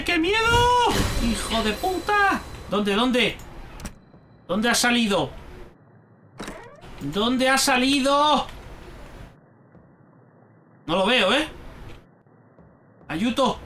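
A man from Spain with a Spanish accent, giving excitable, swear-heavy commentary while playing a horror game. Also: sits high, a little hiss or hum. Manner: excitable, swears a lot, talks to himself. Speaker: gaming YouTuber. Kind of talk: let's play commentary.

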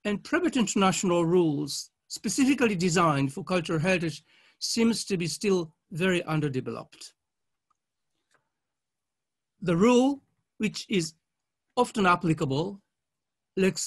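Reading from slides, this high-voiced male legal academic delivers a formal conference talk. He sounds expressive, yet his phrasing stays short, measured and halting.

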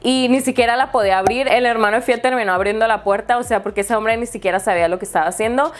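Brief: woman vlogger, quick chatty storytelling, slightly high voice. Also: faint music behind. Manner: animated, quotes people in lively voices. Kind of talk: casual storytelling.

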